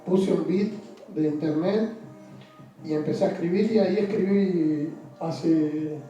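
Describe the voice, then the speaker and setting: A man tells his personal story in an interview, his high, dark, mellow voice often stumbling over repeated words and sinking low. He sits away from the mic in a very echoey room, with faint music underneath. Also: recorded from a distance, dull audio. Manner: halting, repeats words, trails off quietly. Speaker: interview guest.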